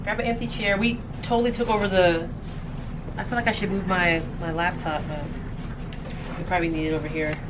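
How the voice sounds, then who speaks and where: A woman's voice: on the low side, fairly even intonation, a little fast, noisy background. A woman co-hosting a thrift video, chatting casually and joking while packing orders. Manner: joking, laughing, swears casually. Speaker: co-host of a thrift channel.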